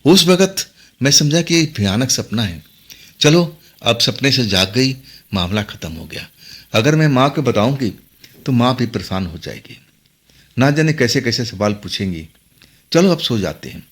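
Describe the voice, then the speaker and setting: Man telling a horror story with lively pitch. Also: unhurried, husky. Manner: dramatic, tense. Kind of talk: dramatic first-person horror narration.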